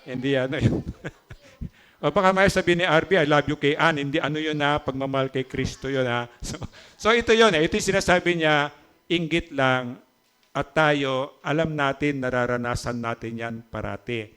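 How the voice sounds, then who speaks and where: A man's voice: on the high side, normal speed, fairly bright tone, smooth. A man from the Philippines preaching a sermon as pastor, talking in a chatty way and often asking the congregation questions. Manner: conversational, teasing asides to the congregation; switches between Tagalog and English. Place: church.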